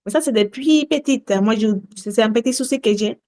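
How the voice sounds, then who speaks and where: A woman's voice: on the high side, a little fast, a little mellow. A woman from Latin America, a native Spanish speaker with a Spanish accent, earnestly leading a casual sales training session and often repeating herself. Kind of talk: casual group training call.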